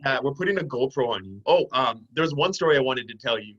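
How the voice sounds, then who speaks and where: A man's voice: medium pitch, fast. Man telling stories over a dull video call. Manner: animated storytelling with laughs. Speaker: guest. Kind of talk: casual chat on a video call.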